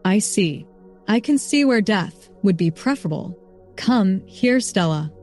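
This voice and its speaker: A stern lord gives firm orders in a steady, mid-pitched voice, as a woman reads him aloud. He is commanding yet kind. It sounds like a storybook reading with faint music underneath. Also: a little slow, lightly acted. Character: stern but kind man, a knight-like lord.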